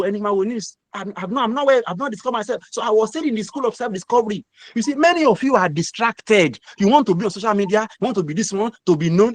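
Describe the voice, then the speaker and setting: A middle-aged man with a Nigerian accent delivers a motivational mentoring talk, hammering his points with repetition like a preacher. His voice sits fairly high for a man. The sound is dry, with no room echo. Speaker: guest mentor speaker.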